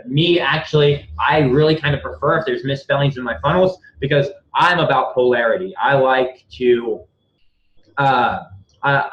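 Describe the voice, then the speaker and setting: An online marketing instructor runs a live screen-share tutorial, talking bluntly, swearing freely, and repeating himself as he clicks through each step. His voice is medium-pitched with a fairly bright tone. The recording has a slightly dull, lo-fi sound and an echoey room.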